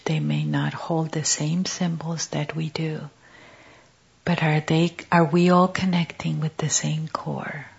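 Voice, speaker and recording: A woman giving a gentle contemplative teaching on prayer, speaking softly and often half-whispered in short, halting phrases. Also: low voice, vocal fry. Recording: dull lo-fi recording.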